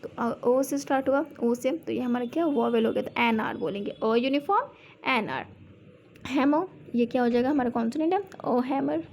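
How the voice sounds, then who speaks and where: Indian woman as a teacher, high voice, faint noise behind, keeps asking her students questions. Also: moderate pace, darkish tone. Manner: mixes explanation with repeated questions to the class. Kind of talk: explaining a lesson to students.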